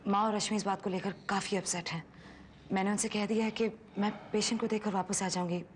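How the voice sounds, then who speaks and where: A woman's voice: mid-range voice, steady tone, quick pace, a little hiss or hum, lightly acted. Actress playing a driven young woman doctor. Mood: earnest. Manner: mixes Hindi and English, urgent and soothing. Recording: TV drama with loud score.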